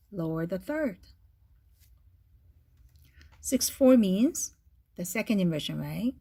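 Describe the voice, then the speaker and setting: A woman's voice: mid-range voice, a little mellow. A woman teaching a music theory lesson step by step, often checking in with "okay?" and "right?", her voice tiring after a long day of talking. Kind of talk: classroom lesson.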